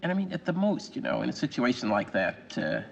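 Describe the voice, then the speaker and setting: An actor playing a wry, anxious middle-aged stage actor, telling rambling, self-mocking stories in film dialogue. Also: male voice, mid-range voice, big pitch swings, fairly quick, vocal fry, highs cut off.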